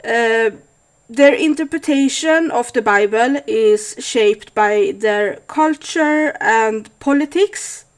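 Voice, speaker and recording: A Swedish vlogger in her thirties speaks thoughtfully to camera in a casual monologue, her Swedish accent clear. Her voice sits on the high side and she talks slowly, hesitating often.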